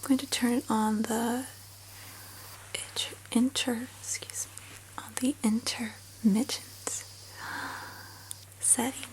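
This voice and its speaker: Slow, soft spa whisper from a woman. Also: on the high side, level tone, poor audio. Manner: gentle, slow personal attention to the listener. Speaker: ASMR host. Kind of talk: whispered role-play of a pampering spa session.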